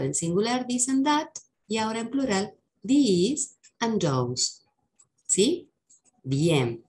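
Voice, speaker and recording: Unhurried woman teacher with gravelly voice. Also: on the low side, darkish tone. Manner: patient, slows down to model English words. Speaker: English teacher. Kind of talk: lesson explaining English for Spanish speakers.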